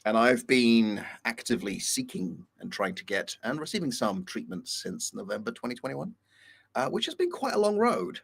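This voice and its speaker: A man's voice: mid-range voice, gravelly, a bit bright, husky. A man on a video call, talking candidly and a little rambling in a casual chat. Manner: candid, rambling, self-deprecating. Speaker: co-host.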